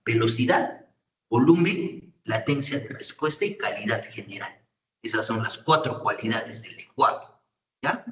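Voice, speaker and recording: A man's voice: mid-range voice, animated, unhurried, fairly bright tone, recorded from a distance. Man lecturing in an echoey classroom. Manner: asks frequent checking questions to students. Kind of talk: university lecture on psychopathology. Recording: echoey room, voice off-mic.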